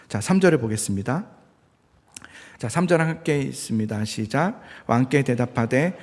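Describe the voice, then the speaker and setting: Lively husky-voiced male pastor. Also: medium pitch, big-room sound. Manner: conversational, acts out angry prayers with sudden shouts. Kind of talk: sermon.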